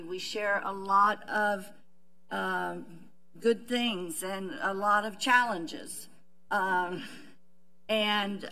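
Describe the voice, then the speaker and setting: A middle-aged woman, a university administrator, giving a measured panel presentation with many fillers and restarts, seated at a table in a conference room. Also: fairly high pitch, sharp tone, rough recording.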